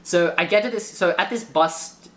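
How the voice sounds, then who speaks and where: A man telling a travel story in casual chat, animated and full of filler words. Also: sits high, moderate pace, roomy sound. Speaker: guest storyteller.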